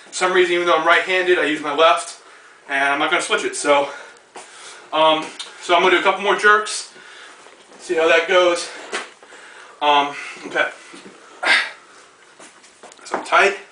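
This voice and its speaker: A twenty-year-old man talks through a strongman lifting demonstration in a loose, casual way, with plenty of fillers between lifts. His voice sits a bit high and sounds bright and forceful. It reaches the camera from some distance, with a roomy gym echo around it. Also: fairly even intonation, unhurried, pauses often, a little hiss or hum. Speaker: strongman athlete and coach. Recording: echoey room, voice far from mic.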